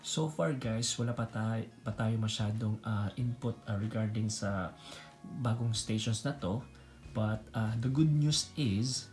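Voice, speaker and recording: A man in his thirties with a Filipino accent and Bisaya as his native language, mixing Tagalog and English as he explains things in a casual instructional vlog. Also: medium pitch. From Philippines. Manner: mixes Tagalog and English (Taglish). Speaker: nurse educator, video host. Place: small room indoors.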